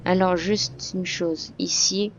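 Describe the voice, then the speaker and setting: A woman's voice: lowish voice, fairly even intonation, takes it slowly, muffled recording, a little hiss or hum. A woman talking through a game tutorial in a casual voice-over, hesitant, with many fillers and restarts. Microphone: computer microphone.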